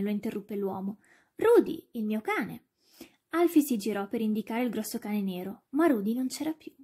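A woman reading a children's ghost story aloud in a measured, expressive way. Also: fairly high pitch, husky.

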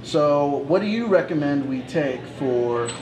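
Enthusiastic male co-host, high voice. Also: expressive, unhurried, noisy background. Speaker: show co-host. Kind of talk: casual on-camera hosting. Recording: loud music and crowd behind.

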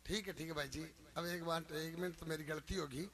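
A middle-aged man with a Rajasthani accent who sings devotional folk verses and then tells lively comic village stories as a religious storyteller. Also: on the high side, a little fast. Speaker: bhajan singer and religious storyteller.

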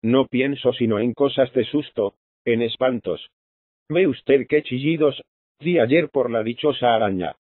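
A man reading the part of a fragile, frightened young gentlewoman who talks in an anxious, confiding way, heard through a tinny phone-like sound. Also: medium pitch, unhurried, no echo, close to an everyday voice.

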